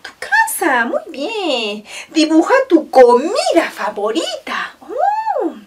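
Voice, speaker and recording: Animated sing-song woman teacher. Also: high voice, slow pace, recorded from a distance, heavy background noise. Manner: sing-song, exaggerated and encouraging, with many diminutives. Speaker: kindergarten teacher. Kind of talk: storytelling lesson for young children.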